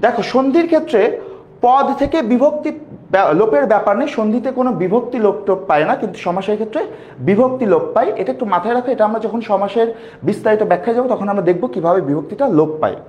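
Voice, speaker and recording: A man's voice: sits high, rapid-fire, darkish tone, highs cut off. A male teacher with a Bangladeshi Bengali accent giving a grammar lesson, asking his students questions, answering them himself and repeating the key terms to drill them in. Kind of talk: classroom lecture on grammar. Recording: roomy echo.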